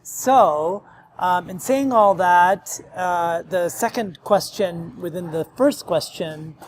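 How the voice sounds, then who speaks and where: High-pitched and slow, with a little hiss or hum on the recording, this man is a podcast guest who owns a restaurant and was raised in Nigeria by a Lebanese family. Interviewed in a restaurant, he gives sincere, meandering replies with many ums.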